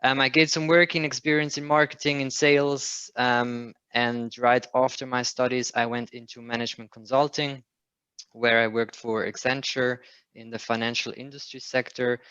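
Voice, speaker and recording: A man speaks on a startup panel, pausing often and filling gaps with "um". His voice is dry and close, with a slightly muffled, lo-fi quality. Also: mid-range voice, flat delivery, sharp tone, smooth, no echo. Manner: hesitant, many "um" fillers and restarts. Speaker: startup co-founder. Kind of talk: panel talk.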